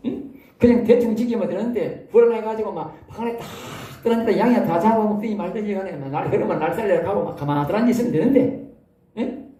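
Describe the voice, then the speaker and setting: High-pitched Gyeongsang preacher in an echoey hall. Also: male voice. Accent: Gyeongsang Korean. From South Korea. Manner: animated, folksy preaching with rhetorical tag questions. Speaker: pastor. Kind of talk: sermon. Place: church hall.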